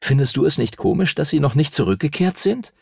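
A man's voice: on the high side, big pitch swings, a little fast, creaky, darkish tone, breathy edge, no echo, clean studio sound, pitched above the performer's own voice, full character voice. Man doing an earnest young boy. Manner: reasonable, a bit defensive. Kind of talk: audiobook character voice.

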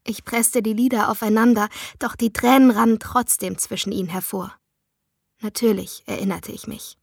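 A woman reading a novel aloud in a measured, intimate first-person narration. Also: medium pitch, steady tone, gravelly, husky, no echo, clean studio sound. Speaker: audiobook narrator.

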